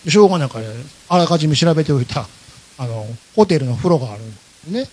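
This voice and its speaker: A man's voice: fairly high pitch, racing. A man with a Kansai accent, hosting a podcast and animatedly telling a travel story, acting out the lines of the people in it. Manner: animated, acts out his own and others' lines. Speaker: podcast host. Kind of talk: casual storytelling chat.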